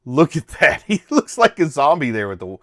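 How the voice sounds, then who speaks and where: Male reaction host, exclamatory and chuckling, slightly high voice with big pitch swings, casual commentary. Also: sing-song, moderate pace, no echo. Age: middle-aged.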